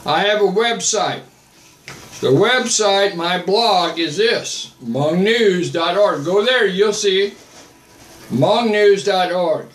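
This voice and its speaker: A man's voice: sits high, animated, slow pace, fairly bright tone, roomy sound. Blunt older man preaching on a livestream. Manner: blunt, repetitive, reads out viewer comments and answers them. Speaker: missionary livestream host. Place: small home office, indoors. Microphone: webcam at desk.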